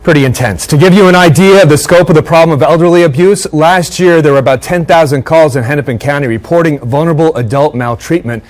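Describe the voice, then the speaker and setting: A man reporting live for a local TV newscast, earnest and measured. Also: fairly high pitch, darkish tone. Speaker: TV news reporter.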